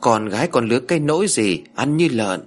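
A bossy old matriarch from a storybook rails and wails at her daughter-in-law, a man putting on her voice. The voice is husky and swoops widely, loud and pushed high. Faint music plays underneath. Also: sing-song, brisk. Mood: scornful. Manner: loud, wailing, scolding. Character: shrill scolding old mother-in-law.

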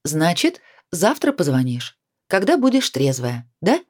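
A woman's voice: on the low side, wildly swooping pitch, unhurried, a little mellow, full character voice. A woman reading a storybook voices an adult woman who scolds and then coaxes her friend. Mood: soothing.

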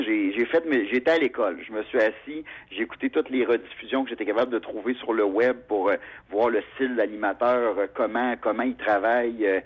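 In a radio interview, a Québécois-accented motorsport announcer from Quebec spins animated, chatty stories, constantly using fillers and restarting his sentences. His voice is mid-range and husky, and the recording has its highs cut off.

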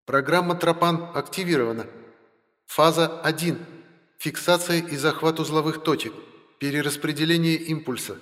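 A man reading an audiobook puts on a cold, metallic starship computer. It calls out its alerts in a flat, measured tone, pitched higher than a plain male voice. A long reverb rings behind each word, as if it comes from a dome. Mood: announcing. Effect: metallic voice with long reverb under a dome. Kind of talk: audiobook narration.

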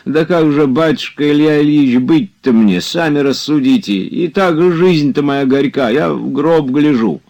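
A man's voice: fairly high pitch, a little slow, few pauses, a little mellow, dull audio, pitched above the performer's own voice. A man reading aloud as an old servant who grumbles and pleads with his master in a storybook. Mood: pleading.

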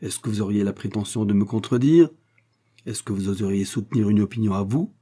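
A man voicing a stern, quick-tempered male police inspector who speaks severely and commandingly. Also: on the low side, mellow, breathy edge. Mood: furious. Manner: severe, commanding, then explosive.

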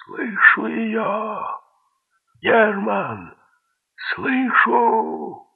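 A man voicing a male mine sweeper who yells and barks orders, in an audiobook reading. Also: high voice, big pitch swings, very slow, creaky, breathy edge, voice pushed up, full character voice. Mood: excited. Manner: shouting, barking orders. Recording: tinny lo-fi audiobook recording.

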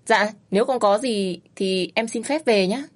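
A woman voicing a calm, bossy young man who speaks in short, commanding lines. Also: medium pitch, a little slow, natural voice. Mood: curt.

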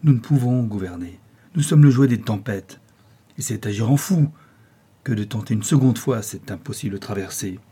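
Male reader as a steady young nephew in an audiobook, firm reasoning, low dark tone. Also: moderate pace, breathy edge. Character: earnest young man pleading with his uncle.

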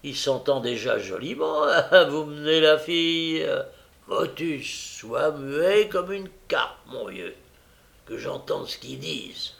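A man's voice: on the high side, measured pace, creaky, hardly any pauses, a bit bright. A man reading an audiobook, voicing a sly, scheming old male crook with a wheedling, oily politeness. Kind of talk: audiobook character voice.

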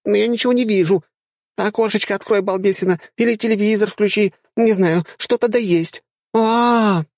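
A man voicing an excitable, ditzy young female dryad who is a tank gunner, in shrill squealing shouts. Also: moderate pace, dry recording, clean studio sound. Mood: flustered.

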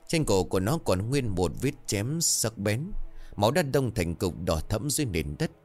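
A man narrating a ghost story in a steady storytelling manner. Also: lowish voice. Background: faint music.

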